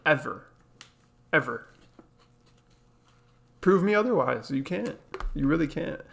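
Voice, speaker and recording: A man's voice: a little high, animated, slow pace, gravelly, a bit bright. A young man hosting a reaction video, talking casually with lots of fillers and repeating himself. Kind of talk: casual commentary.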